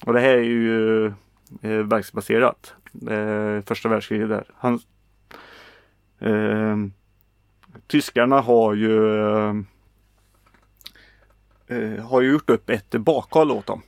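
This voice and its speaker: Swedish man, podcast co-host, easygoing and halting, gravelly mid-pitch voice, dry close sound. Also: no room sound. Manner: relaxed, hesitant with many fillers. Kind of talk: casual film chat.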